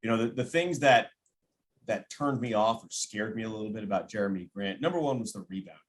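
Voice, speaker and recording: A sports announcer appears as a podcast guest, offering conversational analysis in a measured, explanatory manner. He has a fairly low pitch and lively intonation.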